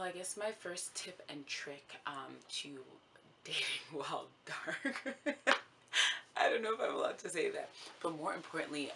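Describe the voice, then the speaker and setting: A young woman from the States talks to her viewers in a loose, chatty vlog, low in pitch with a gravelly edge. Her tone is bright and forward, she laughs often and her sentences run on with "like". A faint hiss of room noise sits under her voice. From United States. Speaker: vlogger. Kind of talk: casual vlog talk to camera.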